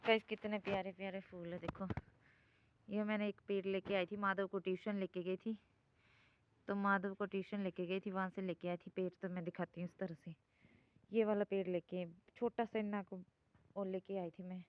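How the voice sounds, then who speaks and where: On a home vlog tour that starts in a foggy garden and moves inside, a chatty woman keeps calling out "look" and "guys" to her audience. She's a family vlogger whose voice sits on the low side, captured with lo-fi sound.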